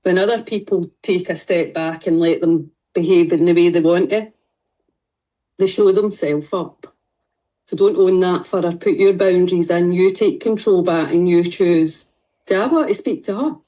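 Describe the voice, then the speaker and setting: A woman's voice: on the low side, steady tone, moderate pace, dark tone, lo-fi sound. A woman with a Scottish accent coaching a group on a video call, speaking directly and reassuringly as she guides exercises. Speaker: fitness and mindset coach.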